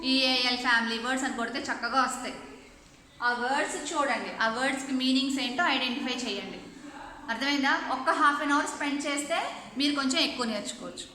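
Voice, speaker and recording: High, bright-voiced woman teaching in an echoey room. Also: a little hiss or hum. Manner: spells words out letter by letter, then explains each slowly; mixes English words into her teaching, asks the class questions. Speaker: English teacher. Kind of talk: online classroom lesson.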